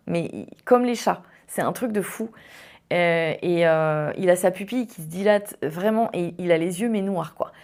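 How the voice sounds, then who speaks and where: A woman's voice: medium pitch, creaky. A young woman from the Vendée region of France hosts a podcast and recounts a personal story straight into her microphone. She talks casually and animatedly, piling up fillers and restarting sentences as she goes. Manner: animated, tumbling speech with frequent fillers and restarts. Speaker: podcast host.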